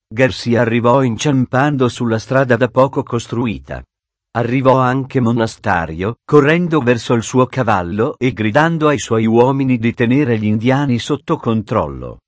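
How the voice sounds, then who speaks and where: A man narrating an adventure storybook in a steady, dramatic reading on a close studio microphone. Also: medium pitch, moderate pace, no echo, muffled recording. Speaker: audiobook narrator.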